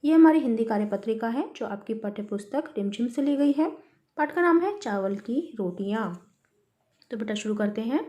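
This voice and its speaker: A woman's voice: fairly high pitch, expressive, normal speed, dark tone. A woman teaching a children's worksheet lesson. She calls the pupils "beta" and asks and answers her own questions.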